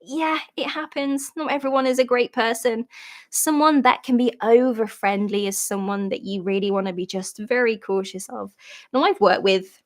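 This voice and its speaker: A young woman chats on a live stream, her voice sitting a little high. She tells stories loosely, restarting and correcting herself as she goes. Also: moderate pace. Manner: chatty, self-correcting storyteller. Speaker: live hangout host. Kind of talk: casual live chat.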